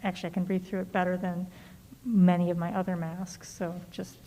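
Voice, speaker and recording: A woman talks through an N95 mask at a board meeting. Her voice is creaky and stays flat in pitch, with long hall reverb around it. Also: fairly quick, slight background noise. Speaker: school board member. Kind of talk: meeting discussion. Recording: echoey hall.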